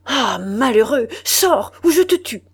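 A woman reading a storybook voices a furious aristocratic general who shouts in outrage. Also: on the high side, big pitch swings, a little slow, creaky, slightly rough, pitched above the performer's own voice, exaggerated voice. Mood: horrified fury.

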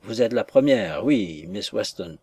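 A proud, stern older aunt, voiced by a male reader, lays down the law in an audiobook. Her delivery is imperious and scolding, that of a matron quick to fury, read in a medium-pitched voice. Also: animated, darkish tone. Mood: furious.

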